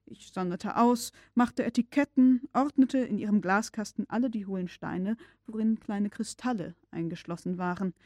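A woman reading a classic novel aloud as an audiobook narrator, in a calm, measured and expressive storytelling manner. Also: medium pitch, no room sound, studio quality. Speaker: audiobook reader.

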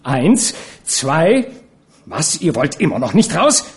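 A man voicing a fiery young actress and courtesan, shrill and scolding as she shouts. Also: expressive, a little fast, close to an everyday voice. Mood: screaming.

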